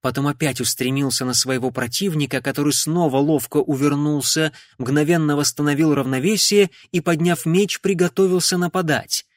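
A man reading an audiobook in a measured, dramatic way. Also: on the high side, no echo, studio quality. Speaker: audiobook narrator. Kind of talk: audiobook narration.

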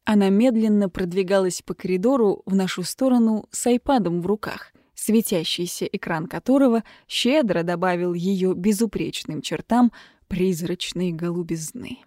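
Woman reading a funny story, lively and expressive, dry close mic. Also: medium pitch, moderate pace, no room sound. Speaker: narrator. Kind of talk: audiobook narration of comic fiction.

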